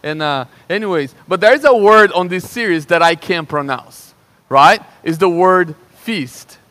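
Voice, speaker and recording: A young adult pastor from Brazil, speaking with a Brazilian Portuguese accent, preaches a sermon in an animated, conversational style. His voice sits high and his pace is unhurried, with frequent restarts and repeated "right?" checks.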